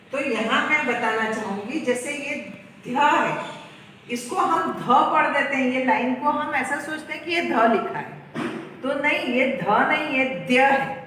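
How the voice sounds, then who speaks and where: A woman's voice: a little high, fairly bright tone, slight background noise. A woman teacher patiently explaining how to write and pronounce letters, step by step, in a lesson. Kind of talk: Hindi grammar lesson. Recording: echoey room, far from the mic.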